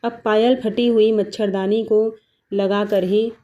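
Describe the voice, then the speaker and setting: Woman narrating a cartoon story, plain and easy, mellow voice. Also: mid-range voice, steady tone, unhurried, muffled recording.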